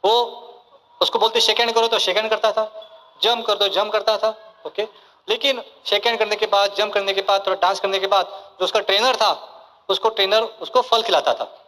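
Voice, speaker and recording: Man, motivational seminar speech, high pitched, bright, checks in with crowd, long hall reverb. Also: fairly even intonation, moderate pace. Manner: keeps checking in with the crowd, asking for yes or no and saying okay; mixes Hindi with English phrases. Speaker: motivational business speaker. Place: large hall, speaking to a live audience.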